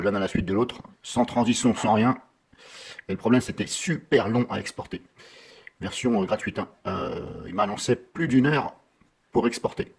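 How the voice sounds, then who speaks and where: A man giving a casual software tutorial, rambling and often correcting himself with many fillers. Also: lowish voice, husky.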